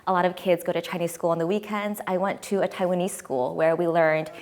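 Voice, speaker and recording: A young woman in her twenties, American-born, gives an interview. Her voice sits a little low, and she speaks in an articulate, measured and enthusiastic way. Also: fairly even intonation, darkish tone. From United States. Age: 20s. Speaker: interview guest, editor-in-chief. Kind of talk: conversational interview.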